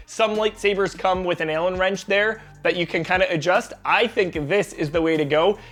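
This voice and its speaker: A man's voice: fairly high pitch, fairly bright tone. A man hosting his own channel, giving a casual, enthusiastic and jokey product review.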